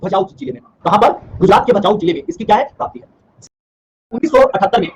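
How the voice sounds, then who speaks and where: Male teacher with a high voice, lecturing online at a rapid pace, repeats each answer for revision. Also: expressive, husky, low-quality recording. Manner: quizzes by asking and answering his own questions; repeats key terms for revision. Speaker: history teacher.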